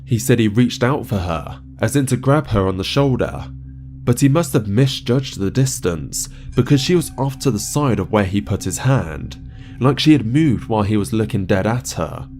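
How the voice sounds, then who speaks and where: A man's voice: on the low side, lively intonation, moderate pace, a little mellow. Man narrating a profane horror tale. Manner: profane, conversational storytelling. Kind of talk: narrating a first-person horror story. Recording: narration over music bed.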